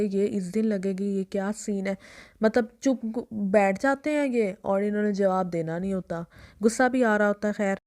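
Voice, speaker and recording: A woman's voice: medium pitch, mellow. A young woman, chatting and rambling through a casual vlog story. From Pakistan. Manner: chatty, rambling, keeps restarting with "anyway". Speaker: vlogger.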